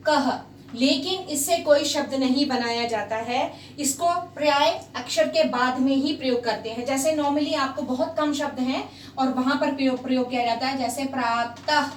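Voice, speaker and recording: Slow, patient high-voiced woman teacher. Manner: patient, repeats sounds slowly and switches into English. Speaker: Hindi teacher. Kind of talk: slow spoken language lesson. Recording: echoey room, voice a bit far from the mic, faint hiss.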